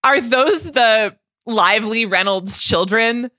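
A woman co-hosting a music podcast, talking eagerly in a chatty way and restarting her sentences often. Her voice is bright and forward. The sound is dry and close, with no room behind it. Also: fairly high pitch, slow pace, no room sound. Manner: animated, chatty, with many restarts and fillers. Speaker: podcast co-host. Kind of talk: casual music discussion.

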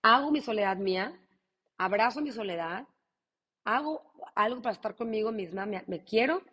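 Woman, yoga teacher guest, animated and earnest, husky tone, long reverb. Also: medium pitch, moderate pace. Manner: earnest, animated, acts out her own inner voice. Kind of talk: candid conversational interview.

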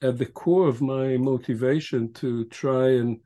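A man in his sixties from Israel speaks as a guest historian in a podcast interview. His voice is mellow and warm, and he talks in a measured way, pausing often as he thinks. He answers at length and reflectively. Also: medium pitch, steady tone, highs cut off. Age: 60s. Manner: measured, frequent filler pauses.

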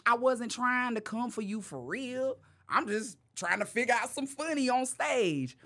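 A female comedian, appearing as a guest in a casual interview, tells stories in an expressive, unhurried way with a fairly bright tone. She laughs a lot, keeps saying "you know what I mean," and switches to high voices when quoting herself.

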